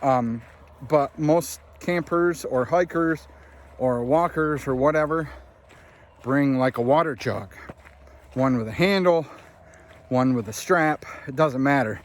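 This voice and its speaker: A man's voice: medium pitch, slow, pauses often, a little hiss or hum. A young man walking outdoors up a hilly rural road, out of breath and chatting casually to viewers as he films himself. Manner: chatty, addresses viewers as friends and dudes. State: out of breath, winded. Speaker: vlogger. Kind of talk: casual walking vlog narration.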